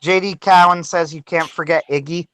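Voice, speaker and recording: A man co-hosting a casual livestream chat, giving quick, enthusiastic opinions. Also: fairly high pitch, fairly even intonation, fairly bright tone, no echo. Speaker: podcast co-host.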